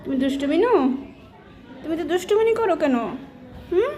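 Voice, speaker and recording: A woman's voice: very high-pitched, expressive, fairly quick, mellow. A woman talking baby talk to her pet cats, coaxing and asking them the same questions again and again. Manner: cooing, coaxing, repeating questions. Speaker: cat owner.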